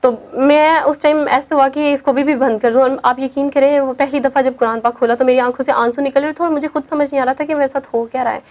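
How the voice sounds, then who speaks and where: Earnest young woman, high voice. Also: steady tone, few pauses, darkish tone. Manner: earnest, emphatic storytelling. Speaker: guest. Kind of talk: personal conversion story.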